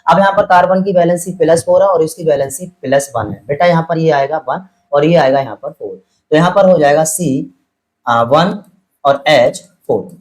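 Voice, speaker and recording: This chemistry teacher is a man with a voice on the high side and a darkish tone, heard on a low-quality recording. He explains things one step at a time and repeats them patiently. He checks understanding, says "beta" to his students, and slows down for chemical formulas.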